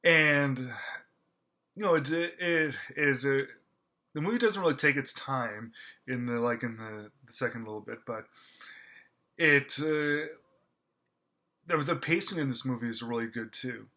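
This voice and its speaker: Mid-range, pushed and bright, a male movie reviewer talks casually about a film. Gushing with enthusiasm, he halts and stammers, restarting often amid many fillers.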